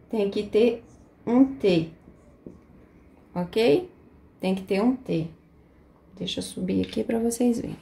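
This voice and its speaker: A woman teaching French in a slow, patient lesson, going over each point carefully and saying it again. Portuguese is her first language. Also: medium pitch, warm tone.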